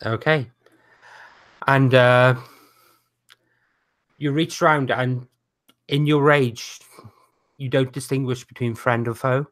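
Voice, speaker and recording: A man's voice: medium pitch, fairly even intonation, takes it slowly, pauses often, fairly bright tone. Man running a tabletop game. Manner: hesitant, many fillers. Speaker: game master.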